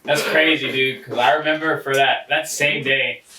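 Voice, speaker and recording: A man's voice: medium pitch, fairly even intonation, moderate pace, crowd noise. A young man chatting casually with friends, recalling things in an emphatic, profane, self-mocking way. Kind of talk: casual chat among friends. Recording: roomy sound, mic at a distance.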